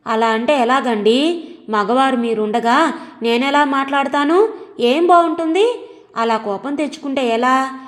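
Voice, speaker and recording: A woman's voice: high voice, unhurried, long pauses, big-room sound. Janakamma, a woman voicing an anxious pleading wife. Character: anxious pleading middle-aged wife and mother.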